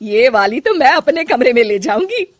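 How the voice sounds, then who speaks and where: Lady putting on a loud bossy older mother-in-law, bouncy lively voice, dry close sound. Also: sits high, normal speed, no echo, voice pushed up. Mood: proud. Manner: loud, commanding, calls out to her daughter-in-law.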